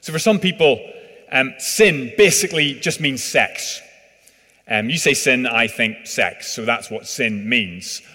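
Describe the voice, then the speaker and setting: A man's voice: mid-range voice, expressive, measured pace, bright, forceful tone. A man preaching a sermon in a conversational, hesitant way, full of fillers. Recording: reverberant hall.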